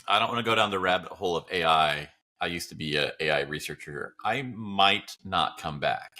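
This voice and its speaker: A podcast co-host chats casually and philosophically, rambling bluntly and offering strong opinions. His low voice moves at normal speed and sounds pushed and bright.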